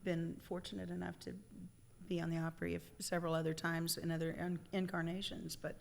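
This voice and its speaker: Croaky, hoarse woman with a froggy voice. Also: lowish voice, level tone, fairly quick. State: laryngitis. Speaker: musician guest. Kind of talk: casual radio interview chat.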